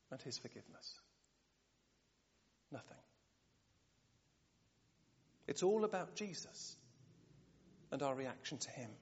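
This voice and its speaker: A man preaching a sermon, animated and often asking the congregation rhetorical questions. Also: on the high side, vocal fry. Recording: dull sound, long church reverb.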